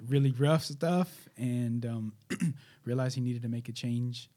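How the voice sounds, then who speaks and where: A man's voice: mid-range voice, dark tone. An American man, a pastor, chatting casually about an upcoming sermon and agreeing readily. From United States. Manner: agreeable, affirming. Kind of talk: casual chat.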